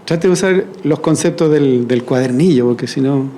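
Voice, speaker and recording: At a university launch in an event hall, a male workshop facilitator guides the audience through writing verse together, drawing out answers with frequent check-ins. His voice is medium-pitched and dark-toned, at a normal speed, on a rough recording with slight background noise.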